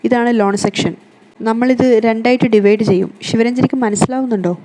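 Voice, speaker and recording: A woman voicing a young male bank officer, reading his lines plainly within her fast recap of a television serial. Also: very high voice, a little mellow. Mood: puzzled.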